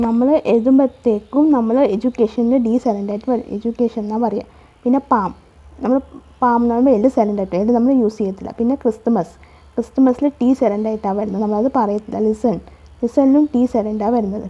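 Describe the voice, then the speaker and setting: Husky woman teaching English. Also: on the high side. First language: Malayalam. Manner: repetitive, patient explaining with restarts. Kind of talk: explaining a spoken English lesson. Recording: dull, lo-fi recording.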